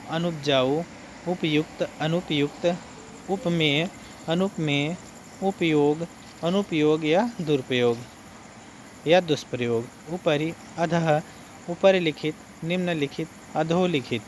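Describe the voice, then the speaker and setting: A man teaching an exam-prep lesson, reading out word pairs slowly and adding brief explanations. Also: on the high side, slight background noise.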